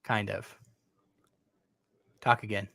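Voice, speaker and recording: A man's voice: fairly low pitch, little pitch movement, slow pace, vocal fry, sharp tone, no echo, clean studio sound. A man hosting a live call-in stream, talking casually with many fillers and restarts. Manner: chatty, frequent fillers and restarts. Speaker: podcast host.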